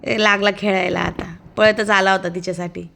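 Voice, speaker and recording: A woman's voice: mid-range voice, little pitch movement, moderate pace, vocal fry, a bit bright. A woman giving a chatty, amused running commentary as a casual vlog voice-over, narrating as the child's aunt.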